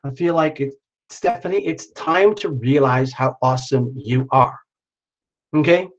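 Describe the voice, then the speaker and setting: A man with a medium-pitched voice hosts a live stream, giving an exuberant, casual tarot reading while losing his voice. He's chatty, a little slow, and speaks straight to the viewer by name, all in dull-sounding audio.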